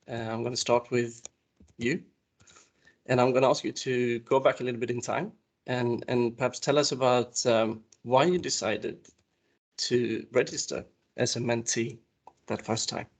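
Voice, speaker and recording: A man moderating a panel discussion who speaks haltingly and often restarts his sentences. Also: medium pitch, creaky.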